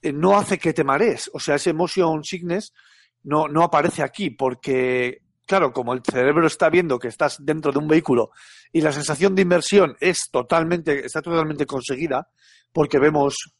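A man with a Castilian Spanish accent chats casually and colloquially about games as a panelist on a video game podcast, often repeating words as he goes. His voice is on the high side at a moderate pace. The recording is studio quality with no echo.

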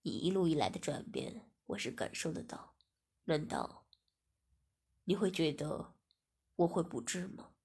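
Woman doing a low, soothing young master. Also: normal speed, creaky, long pauses, breathy edge, exaggerated voice. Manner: low, steady and reassuring.

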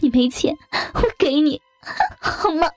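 A woman voicing a desperate middle-aged mother in an audio story, crying out in a high, tearful voice. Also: unhurried, no echo, soft background music. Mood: pleading.

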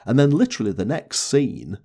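A man's voice: mid-range voice, big pitch swings, fairly quick, mellow, breathy edge. A man co-hosting a podcast, chatting animatedly about a film with frequent laughs and restarts. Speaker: podcast co-host. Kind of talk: casual film review chat.

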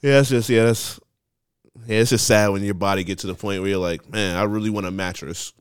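A man's voice: fairly low pitch, steady tone, a little fast, clean tone, no echo. A man in his thirties co-hosting a podcast, talking casually in a laid-back, wry way. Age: 30s. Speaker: podcast co-host. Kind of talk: casual chat.

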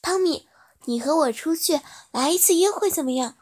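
A woman's voice: high voice, lively intonation, moderate pace, pitched above the performer's own voice. A woman voicing a caring, worried widowed mother in a storybook reading, speaking in a coaxing way. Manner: warm, coaxing, concerned.

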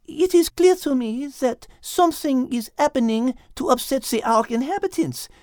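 A man voicing a calm, clever female animal sleuth with a put-on French accent, in a storybook reading. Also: very high voice, moderate pace, no echo, clean studio sound, pitched above the performer's own voice. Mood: musing.

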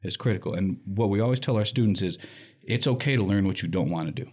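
A man's voice: lowish voice, quick pace, darkish tone, slightly rough. A man from Michigan, a nonprofit director answering interview questions in an earnest, emphatic way and often tagging his points with "right?". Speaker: nonprofit executive director, guest.

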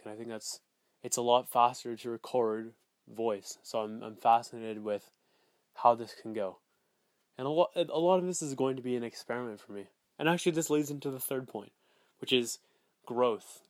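Clear, dry-voiced man rambling into a phone recorder. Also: mid-range voice, no echo. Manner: candid, rambling, emphatic repetition, casual swearing. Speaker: podcast host. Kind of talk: casual unscripted solo podcast monologue. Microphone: phone voice recorder app. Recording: close dry phone voice memo.

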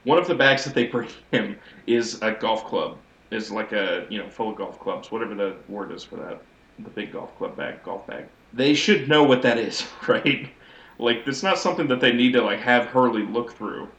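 A man's voice: on the low side, expressive, moderate pace, a bit bright. A man co-hosting a podcast, giving a wry, rambling recap of a TV episode in casual chat. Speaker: podcast co-host. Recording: echoey audio, as if in a sewer.

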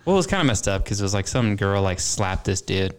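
A man in casual chat, relaxed and joking, chiming in with quick quips. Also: on the low side, clean tone.

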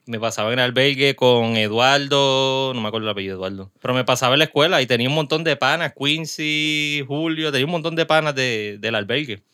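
A man's voice: medium pitch, fast talker, hardly any pauses, sharp tone, smooth, dry recording. A Puerto Rican man hosting a podcast in a small studio, chatting casually and drifting into asides. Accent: Puerto Rican Spanish. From Puerto Rico. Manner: chatty, laughs often, trails into asides. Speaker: podcast host. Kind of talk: casual interview chat.

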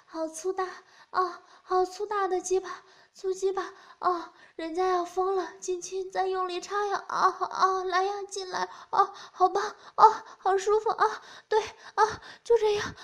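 A lustful middle-aged woman in an erotic audio story, voiced in a breathy, soaring pitch with loud, cried-out phrases, as a female reader puts her on. Her voice rises far above a woman's usual range and stays there. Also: full character voice. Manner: breathy, high, cries out repeatedly. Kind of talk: erotic audiobook role-play.

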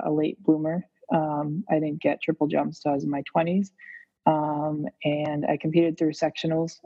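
A husky man in his thirties, a skating coach, answering in a steady, flat manner. His tone is mellow. The sound is dry and a little dull. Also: a little high, no room sound. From Massachusetts, USA. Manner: steady, flat delivery with fillers. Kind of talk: interview answers.

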